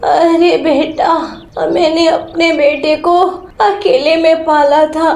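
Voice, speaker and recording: A woman voicing an old sparrow grandmother who speaks slowly and mournfully, in a storybook tale. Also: extremely high pitch, fairly even intonation, darkish tone, heavily acted. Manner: slow, mournful. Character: elderly grieving sparrow grandmother. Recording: roomy echo.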